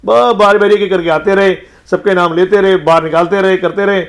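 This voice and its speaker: A man's voice: sits high, steady tone, fairly quick. A man recapping a TV episode in casual talk, retelling the quarrels by quoting each person in turn. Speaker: show recap vlogger.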